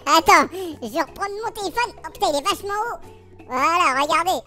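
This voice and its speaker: A man's voice: extremely high pitch, sing-song, unhurried, music in the background, full character voice. A man voicing a cheeky male cartoon frog, teasing strangers on a video call with playful, chatty banter. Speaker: YouTuber trolling strangers on video chat. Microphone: video-call mic.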